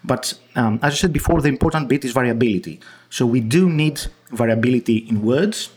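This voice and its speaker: Speaking a little fast in a mid-range, darkish voice with a breathy edge, a man from Greece explains things as an interviewed guest researcher. His Greek accent comes through, and he hesitates often, restarting and using fillers.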